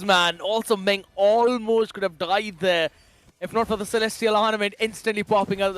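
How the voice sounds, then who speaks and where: A man's voice: sits high, a bit bright. A man giving casual color commentary and analysis on a mobile esports match, slangy and chatty.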